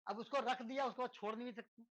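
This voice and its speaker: A man's voice: very high voice, fairly even intonation, quick pace, fairly bright tone, poor audio. A man teaching a physics lesson to students in a conversational lecture style, constantly checking in with tag questions and using rhetorical questions and everyday examples. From India.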